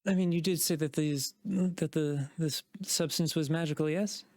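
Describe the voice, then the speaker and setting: A man voicing a sleepy, slender young male elf shopkeeper who talks in a halting, hesitant way. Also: on the high side, fairly even intonation, no echo, natural voice. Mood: wary. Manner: hesitant and halting, full of ums.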